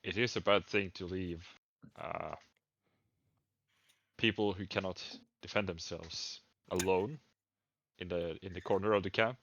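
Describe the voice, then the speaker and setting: A man playing a tabletop game, speaking deliberately and carefully. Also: low voice, steady tone, a bit bright, dull audio, slight background noise. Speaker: player. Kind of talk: casual tabletop game chat.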